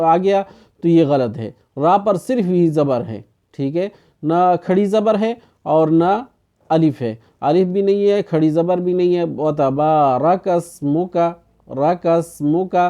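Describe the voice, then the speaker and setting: Mellow-voiced man teaching Quran recitation. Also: fairly high pitch, clear, resonant tone, lo-fi sound. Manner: explains slowly, then chants the verses drawn out; asks the class questions and answers them himself. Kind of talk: online recitation lesson.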